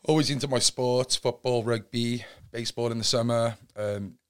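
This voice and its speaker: A Cardiff man in his thirties, speaking with that city's Welsh accent, candidly narrates his life as an interview guest, earnest and rambling. His medium-pitched voice is clear and resonant, steady in tone, at normal speed.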